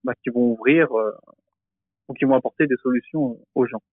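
In a podcast discussion, a man who is a Quran teacher and imam explains at a normal speed in a mid-range voice. He hesitates, with frequent fillers and restarts. The audio is dry and close, with no room sound, and comes across narrow and tinny.

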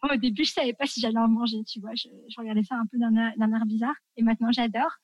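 Enthusiastic woman from france, chatty, lots of fillers, kinda high voice, dry sound. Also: steady tone, quick pace, dry recording, dull audio. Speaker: guest sharing food tips. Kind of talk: casual chat.

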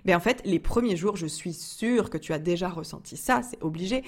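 A woman's voice: fairly low pitch, fairly quick. A young woman speaking candidly in a casual personal vlog, chatty and confiding, often restarting her sentences. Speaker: vlogger.

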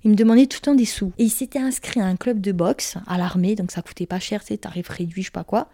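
A woman's voice: mid-range voice, steady tone, quick pace, dark tone, no echo, clean studio sound. A young woman from Corsica frankly telling a personal story in casual talk, crude and emphatic, acting out what people said. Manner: frank, crude, emphatic retelling with acted quotes.

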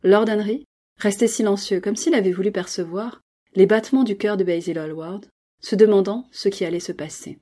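A woman podcast host reading a classic novel aloud with calm, even narration. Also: medium pitch, moderate pace.

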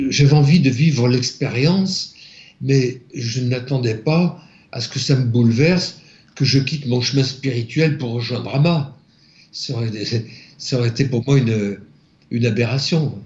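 Speaking quietly, a guest from France tells of a spiritual experience he lived through, pausing and groping for the right words. He has a mid-range male voice, captured in a somewhat dull, echoey room.

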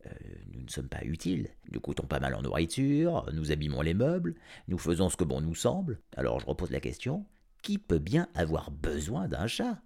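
Lively sardonic male storyteller. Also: rumbling low, fairly quick, creaky. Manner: sardonic, animated first-person cat narration. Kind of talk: audiobook narration.

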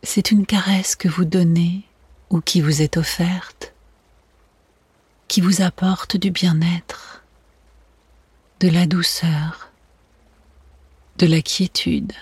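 A meditation guide speaking in a soft, soothing, breathy spa whisper, gently narrating a relaxation exercise. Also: mid-range voice, steady tone, slow pace, long pauses, no room sound. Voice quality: breathy, hushed.

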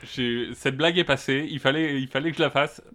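A man's voice: mid-range voice, steady tone, fairly quick, fairly bright tone. Podcast guy explaining history, bit hesitant, euhs a lot, dry puns. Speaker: podcast co-host. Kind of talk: casual history chat.

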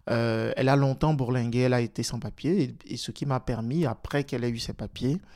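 A man from Togo, a politician and teacher, is a guest in a casual interview. His mid-range, slightly mellow voice moves fairly quickly, and he sounds hesitant, full of fillers and restarts.

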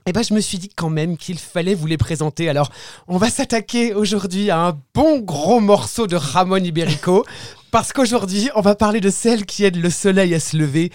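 A man's voice: sits high, no echo. Sarcastic man in his thirties, dry sound. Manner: sarcastic, theatrical, laughs at own jokes. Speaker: regular columnist. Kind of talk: comic chronicle, half-read.

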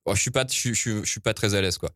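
A man who organizes events tells a casual anecdote in slangy, conversational speech, often pausing and hesitating as he goes. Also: on the low side, fairly bright tone, dry recording, clean studio sound. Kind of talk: casual storytelling.

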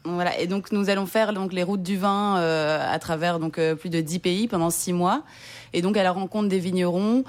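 A woman in her twenties, a student guest on radio, halting and a little shy, with many fillers. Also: on the low side, fairly even intonation. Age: 20s. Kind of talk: radio interview.

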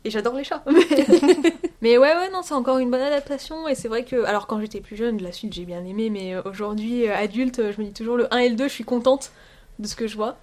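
A woman's voice: a little high, quick pace, a little mellow. A young woman guest chatting in a casual podcast discussion, talking with many hesitations and restarts.

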